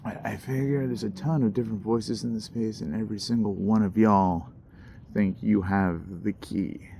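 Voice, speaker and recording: A man with a low voice and a gravelly fry talks casually to his viewers by a campfire outdoors. His delivery is slangy and musing, wandering as he goes. Faint ambient noise sits behind him. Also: steady tone, normal speed, warm tone. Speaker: host. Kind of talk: casual fireside monologue to viewers.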